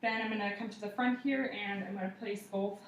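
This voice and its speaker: A woman's voice: medium pitch, fairly even intonation, brisk. Young woman, procedural exam narration, roomy sound, faint background noise. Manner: procedural, step-by-step narration to a patient and observer. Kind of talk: spoken clinical exam demonstration, narrating findings. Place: living room, indoors. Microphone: camera across the room. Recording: roomy, distant camera mic, faint noise.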